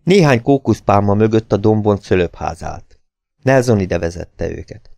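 A man narrating an audiobook in a steady, measured reading. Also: on the low side, vocal fry, dry recording, clean studio sound. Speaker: audiobook reader.

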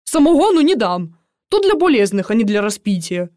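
Woman reader doing a rustic peasant nurse, high and loud, scolding, dry audiobook sound. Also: big pitch swings, normal speed, no echo.

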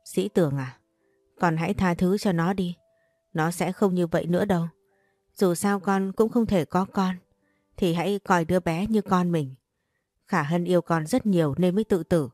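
A woman's voice: on the low side, moderate pace, darkish tone, no room sound, clean studio sound, soft background music, lightly acted. A woman reading as an anguished middle-aged mother. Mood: imploring.

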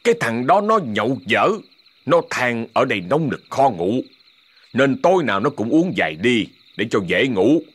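A man's voice: medium pitch, sing-song, normal speed, slightly rough. A man voicing a stubborn, dismissive older village father.

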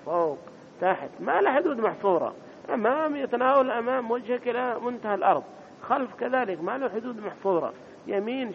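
A man giving a grammar lesson in a mosque, repeating key terms and quizzing his listeners with short questions. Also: gravelly. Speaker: teacher of Arabic grammar. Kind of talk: classroom lecture explaining grammar. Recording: dull lo-fi recording with faint rumble.

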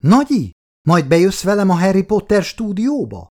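A woman's voice: mid-range voice, big pitch swings, dark tone, voice pushed up. A man reading an audiobook, voicing an eager, chatty little girl in a bouncy, exclamatory way. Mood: excited.

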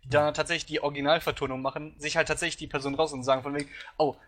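Casual podcast co-host, male, quick and animated, lectures his point and slips in English slang. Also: on the high side. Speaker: podcast participant. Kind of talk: casual debate chat.

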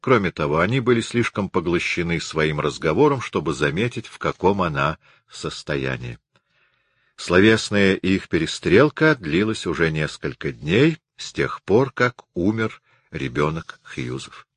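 A man narrating a novel as an audiobook, measured and expressive. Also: sits low, slightly rough, no echo, studio quality.

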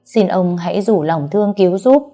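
A woman's voice: mid-range voice, normal speed, mellow, faint music behind, natural voice. A woman voicing a frightened middle-aged mother who pleads tearfully for her daughter. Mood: pleading. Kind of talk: audiobook character reading.

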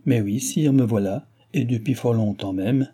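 A man's voice: mid-range voice, moderate pace, dark tone, breathy edge, close to an everyday voice. A man doing a wheedling court countess. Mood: coaxing. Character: coaxing scheming court countess, woman, playful.

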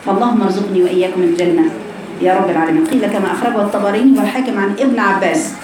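A woman with an Egyptian accent teaching a recitation lesson to women, explaining slowly and voicing letter sounds aloud to demonstrate. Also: mid-range voice. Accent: Egyptian Arabic. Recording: echoey room with background noise.

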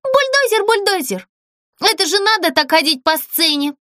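A woman voicing a bratty, spoiled young girl doll in a storybook, shrill and bossy. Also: very animated, normal speed, bright, forceful tone, dry recording, clean studio sound, heavily acted.

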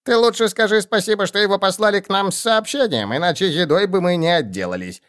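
A man voicing a shrewd, sharp-tongued male goblin who mocks and explains. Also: sits high, lively intonation, clean tone, pitched above the performer's own voice. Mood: explaining. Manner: mocking, quick retorts.

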